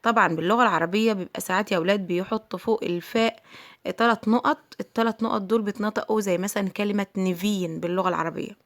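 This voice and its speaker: A woman's voice: mid-range voice, racing. A middle-aged woman with an Egyptian Arabic accent teaching English letter sounds to children, patiently repeating each sound and checking in with her pupils. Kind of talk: phonics lesson for children.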